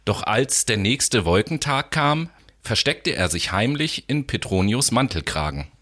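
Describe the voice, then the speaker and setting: Lively male storyteller. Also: on the low side, unhurried. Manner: lively, expressive reading. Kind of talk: scripted narration of a children's story.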